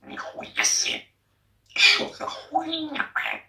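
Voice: high-pitched, huge pitch swings, slow, gravelly, sharp tone. A pet parrot mimicking human speech in a squawky parrot voice, in short repeated phrases. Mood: bossy. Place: indoor room, bird in metal cage. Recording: roomy, distant microphone.

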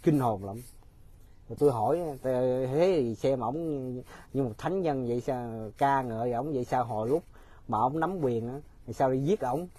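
A man's voice: mid-range voice, normal speed, warm tone. A man giving casual, mocking political commentary straight to his viewers, often laughing.

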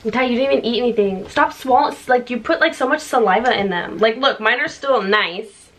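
A woman's voice: on the high side, brisk, a bit bright. A young adult woman hosting a casual challenge video indoors, bantering in a bossy, teasing way into a camera mic. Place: indoors, small room.

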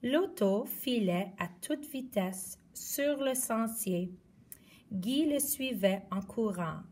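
Slow-reading woman. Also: on the high side, far from the mic. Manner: slow, clear, expressive read-aloud. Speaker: storyteller. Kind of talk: reading a children's picture book aloud.

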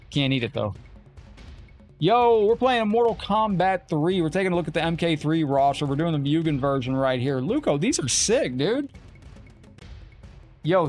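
A man live-streaming a game, chatting casually with viewers and his cat and getting excited during an unboxing. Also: on the high side.

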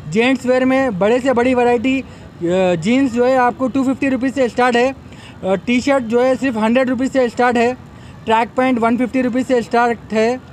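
Speaking into a bank of press microphones on a table at an outdoor expo, a young event organizer gives a promotional statement and keeps urging customers to come. His voice is very high with fairly even intonation, a little fast and a little mellow, over a faint hiss or hum.

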